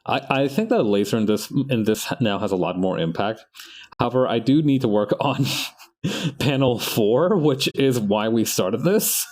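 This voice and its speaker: Streaming his artwork live, a man chats casually as he works, rambling to himself and repeatedly restarting sentences to correct himself. He has a medium-pitched, slightly mellow voice, expressive and at a moderate pace.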